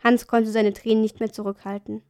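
A woman reading a story aloud in a calm, even storytelling manner. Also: on the high side, fairly quick. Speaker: audiobook narrator. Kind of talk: scripted storybook narration.

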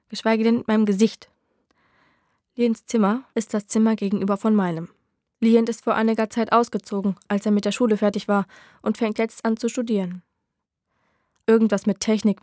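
Woman reading a story as the main girl, steady storyteller voice, dry booth sound. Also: medium pitch, dry recording. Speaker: audiobook narrator. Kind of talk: scripted first-person novel narration.

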